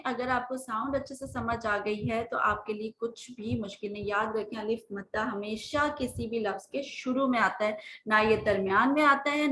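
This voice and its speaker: A woman's voice: a little high, sharp tone, roomy sound, slight background noise, low-quality recording. A woman teaching Urdu letter sounds to beginners, patiently drawing out each sound and checking in with "theek hai". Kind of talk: slow phonics lesson with slides.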